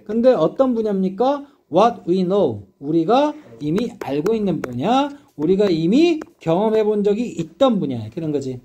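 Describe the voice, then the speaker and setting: A male English teacher lectures his class in a high, mellow voice that swings up and down with emphasis. He keeps checking that the students follow along, with a faint hiss of noise behind him. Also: moderate pace, few pauses. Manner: constant check-ins with the students; lively, rising and dipping emphasis.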